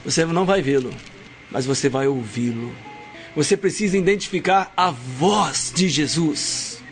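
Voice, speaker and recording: High-voiced pastor preaching fervently. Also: male voice, lively intonation, soft background music. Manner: swings from hushed and slow to loud, high shouts; reads scripture aloud slowly. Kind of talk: sermon.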